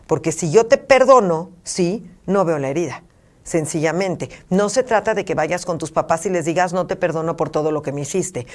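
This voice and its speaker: A woman's voice: fairly low pitch, darkish tone. A middle-aged woman, a parenting therapist giving an emphatic talk full of rhetorical questions and lists.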